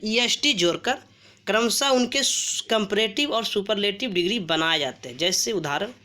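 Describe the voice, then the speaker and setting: Female teacher, unhurried, drills word lists and quizzes herself aloud, mid-pitched voice. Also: fairly bright tone. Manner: reads word lists aloud, asks and answers own questions. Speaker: English grammar teacher. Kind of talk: slow classroom-style grammar lesson.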